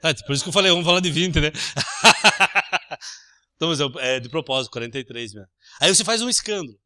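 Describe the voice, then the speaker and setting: A Brazilian man preaching a sermon as pastor, animated, acting out little everyday scenes with changing voices. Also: fairly high pitch, brisk, dry recording, studio quality. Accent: Brazilian Portuguese.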